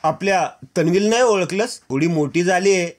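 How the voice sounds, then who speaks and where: A man reading as a calm devoted husband. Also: high-pitched, normal speed, close to an everyday voice. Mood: tender. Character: relieved devoted husband and father.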